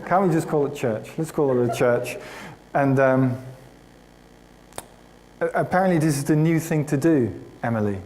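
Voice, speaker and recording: A man's voice: on the high side, normal speed, pauses often, darkish tone, slight background noise, low-quality recording. A man preaching to his congregation, telling a personal story in a chatty, self-mocking way and addressing listeners by name. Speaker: pastor. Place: church hall.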